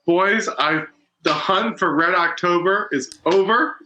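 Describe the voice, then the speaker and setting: Dude cohosting a podcast, bright tone, rambly and stop-start. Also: male voice, high voice, slight background noise, low-quality recording. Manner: rambling, halting, many fillers and restarts. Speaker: podcast co-host. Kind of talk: casual chat.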